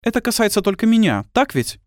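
A man voicing an indignant woman who stands up to police questioning, in a shrill, insistent voice. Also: very animated, fast, no room sound, clean studio sound.

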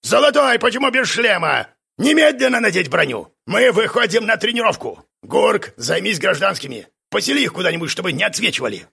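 A man voicing a harsh male military drill instructor who shouts curt orders and insults in an audiobook. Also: high voice, very animated, brisk, creaky, slightly rough, pitched above the performer's own voice, heavily acted. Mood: commanding. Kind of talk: audiobook character voice.

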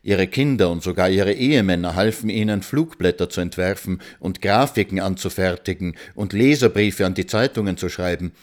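A man reading a story aloud in a calm, measured way. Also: sits low. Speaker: narrator. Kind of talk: scripted story narration.

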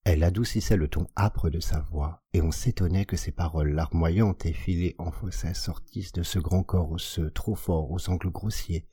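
A man narrates a classic tale for an audiobook in a measured, expressive reading. His voice is very deep and mellow with a husky texture. The close recording is dry, with no room sound. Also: no echo. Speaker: audiobook reader.

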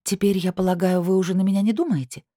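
A woman's voice: mid-range voice, a little fast, mellow, no room sound, studio quality, pitched above the performer's own voice, natural voice. A woman reading an audiobook, voicing a touchy middle-aged woman who grumbles when suspected. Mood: offended. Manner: offended, grumbling.

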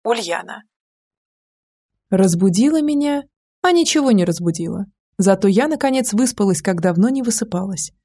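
Brief: female audiobook narrator, warm and breathy, lively first-person storytelling. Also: medium pitch, moderate pace. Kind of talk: scripted narration.

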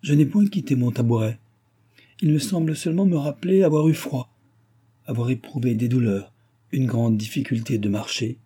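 A man voicing an innocent, bewildered young noblewoman in an audiobook, speaking gently and candidly. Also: medium pitch, moderate pace, breathy edge, pitched above the performer's own voice, close to an everyday voice. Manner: gentle, candid, wondering questions.

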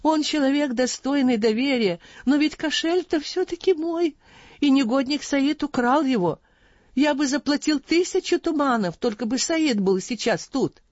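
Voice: high-pitched, normal speed, no echo, muffled recording, voice pushed up, close to an everyday voice. A reader voicing a frightened, scheming older merchant who pleads and wails in an audiobook. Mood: pleading. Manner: wailing, pleading.

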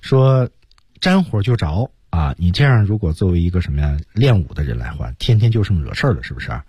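A man teaching English on a radio program, explaining pronunciation step by step and drilling words slowly. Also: sits low, big pitch swings, warm tone, husky, no echo. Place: radio studio.

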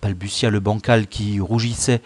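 A man reading a classic novel aloud as an audiobook narrator, measured and expressive. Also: on the low side, no room sound. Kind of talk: scripted narration.

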